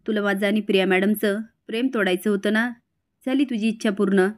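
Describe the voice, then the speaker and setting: A woman's voice: medium pitch, fairly even intonation, a little fast, close to an everyday voice. A woman voicing a bitter, angry young man who lashes out at his family with sarcastic retorts, in a retold TV serial.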